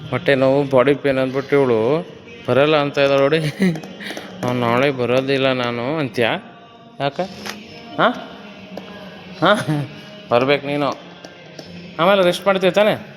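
A man's voice: mid-range voice, moderate pace, pauses often. A man coaching in a gym, barking short commands and counting off reps one by one. His voice sits in the middle range and carries a long echo off the hall walls. Faint music plays behind him. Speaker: fitness coach training his wife.

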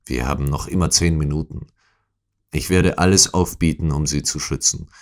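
A man voicing a calm, commanding detective who speaks briskly and quietly, in an audiobook reading. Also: rumbling low. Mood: urgent. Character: calm, commanding male detective, middle-aged.

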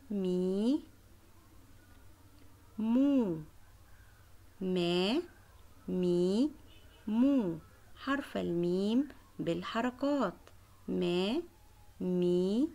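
A woman teacher leading a children's Arabic letter lesson, sounding out syllables clearly and praising her pupils. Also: medium pitch, warm tone. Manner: slow, clearly drawn-out syllables.

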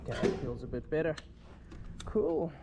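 A man's voice: a little high, huge pitch swings, unhurried, gravelly, very noisy. A young man giving easygoing, upbeat running commentary as a travel vlogger at an outdoor bush campsite, recorded on an action camera. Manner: easygoing, upbeat, lots of "cool". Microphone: action camera on bike or helmet.

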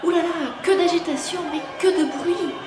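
A woman voicing a shy, curious young male wolf lost in time, with high excited exclamations. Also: normal speed, echoey room, a crowd in the background. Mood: flustered.

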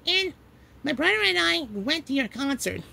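A woman's voice: high-pitched, very animated, normal speed, gravelly, pushed and bright, full character voice. A woman voicing a remorseful young woman in a fan-made puppet show, speaking earnestly and pleadingly. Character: young woman who lost her brother, remorseful.

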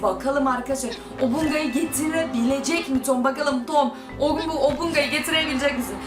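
A young woman doing excited gameplay commentary, repeating herself and squealing as she reacts. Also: high-pitched, roomy sound. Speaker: gaming YouTuber. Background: loud music.

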